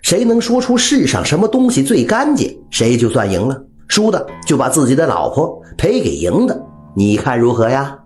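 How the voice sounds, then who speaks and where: A man's voice: mid-range voice, wildly swooping pitch, moderate pace, few pauses, a little mellow, soft background music, pitched above the performer's own voice. A man voicing a sly, scheming village rogue who talks in a smug, wheedling way.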